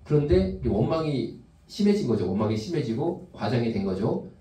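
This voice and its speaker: A pastor preaches to his congregation in a relaxed, conversational way and often puts questions to the people in the pews. His voice is mellow and sits at a middle pitch. He is heard from some distance in an echoey church sanctuary. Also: moderate pace. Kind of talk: sermon.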